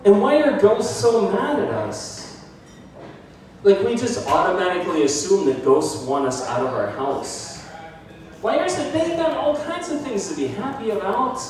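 Guy doing standup at a bar, self-deprecating, kinda high lively voice, echoey and far off. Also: measured pace, a little hiss or hum. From United States. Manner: self-deprecating, animated, puts on voices for bits. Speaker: stand-up comedian. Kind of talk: stand-up comedy set. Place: small bar with brick walls, indoors. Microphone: handheld mic, filmed by a phone from the audience. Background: audience laughter.

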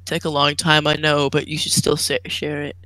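A man's voice: on the high side, monotone, moderate pace, sharp tone, smooth, no echo, rough recording. A teenage boy co-hosting a casual podcast, rambling and laughing, with lots of "like.". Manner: rambling, laughs often, says "like" a lot. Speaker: podcast co-host. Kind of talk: casual chat.

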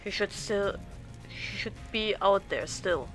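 A woman's voice: mid-range voice, slow. A young woman, a native German speaker with a German accent, casually streaming a game and reading its text aloud. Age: young adult. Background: game music.

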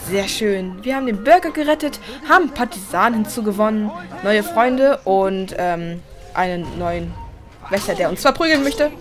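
A young woman hosting a let's play, chatty and excitable, often pleading and squealing at the game. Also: mid-range voice, normal speed. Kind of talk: gameplay commentary. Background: game music.

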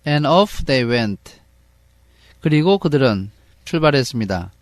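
A male English reading teacher who reads a storybook aloud very slowly, line by line, and translates each line into Korean. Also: medium pitch, sing-song, no room sound, studio quality. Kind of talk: read-along lesson with translation.

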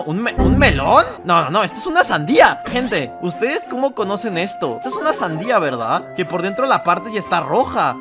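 A young man doing let's play commentary, playful and given to dramatic shouted outbursts. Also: high-pitched. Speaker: gaming YouTuber. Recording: game music playing behind the voice.

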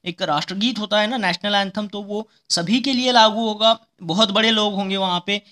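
A male teacher with a high-pitched voice walks students through spelling words for exams. He repeats each word several times and explains with playful memory tricks. His tone is bright and clear. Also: normal speed. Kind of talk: spelling lesson for exam students.

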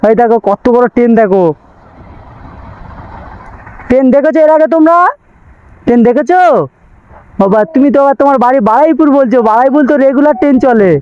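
A man's voice: very high voice, fairly quick, pauses often, smooth, highs cut off. A man vlogging, playfully coaxing and teasing small children in a sing-song way, then signing off to his viewers. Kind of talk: casual vlog talk to children and viewers.

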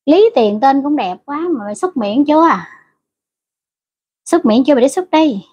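Blunt high-voiced woman. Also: animated, moderate pace, a little mellow. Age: middle-aged. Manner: blunt, scolding and crude toward commenters. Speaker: livestream host. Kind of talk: casual livestream chat.

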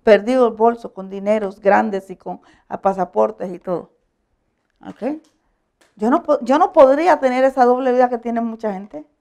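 Gravelly-voiced woman pastor preaching. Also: a little high, moderate pace. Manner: animated storytelling, asks the audience for agreement; laughs often while preaching. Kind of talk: conversational sermon.

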